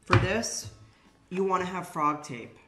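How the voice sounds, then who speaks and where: An older woman who owns a shop runs a casual hands-on craft workshop, plainly explaining each step to viewers she calls "guys." Her voice is on the low side, animated and unhurried, and her manner is chatty and practical. She works in an indoor shop space with a brick wall, where the sound is roomy with faint music behind.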